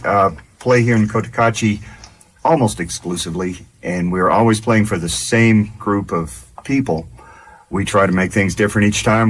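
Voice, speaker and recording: A man who plays in a band, chatting casually as he answers interview questions. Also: fairly low pitch. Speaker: band member, interview guest. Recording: faint room noise behind voice.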